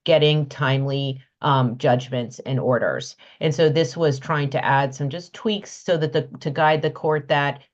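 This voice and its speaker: A woman giving explanatory testimony at a committee hearing, speaking tentatively with many halting pauses, on dull audio. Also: low-pitched, fairly even intonation. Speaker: witness explaining proposed legislation to a committee. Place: legislative committee room.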